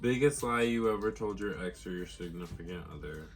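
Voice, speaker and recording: A drunk man chatting casually in an excitable, campy, profane way during a makeup drinking game. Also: low-pitched, brisk, faint music behind.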